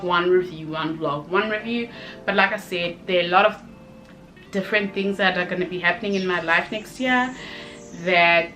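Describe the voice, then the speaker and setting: With a mid-range voice, a young woman talks casually through a book review video, full of expression and prone to emphatic repetition.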